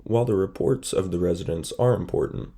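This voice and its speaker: Stuffed up from a sinus infection, a young man delivers his student presentation formally and steadily. His voice is low, gravelly and nasal, the pacing measured throughout.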